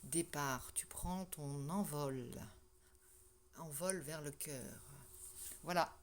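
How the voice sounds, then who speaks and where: A woman's voice: deep voice, takes it slowly. A woman doing a casual tarot reading for her viewers, chatty and hesitant with many fillers and restarts. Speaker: tarot reader. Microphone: microphone that keeps falling.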